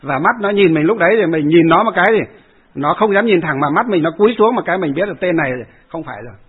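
A Buddhist monk with a fairly high, husky voice rambles through a story, talking fast and expressively with many filler sounds and repeated phrases. The audio is narrow and phone-like, as if heard over a radio.

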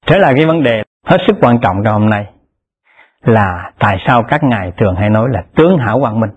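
A man giving a Pure Land Buddhist dharma talk in a measured, repetitive teaching cadence, rising in pitch to stress key terms. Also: animated, slightly rough. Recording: tinny lo-fi phone-like recording.

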